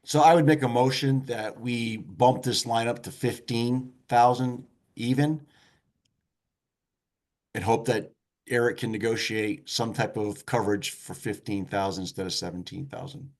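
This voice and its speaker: A man with an average-pitched voice talks as a board member. His delivery is conversational, in the casual style of a small meeting. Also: fairly even intonation, unhurried, darkish tone.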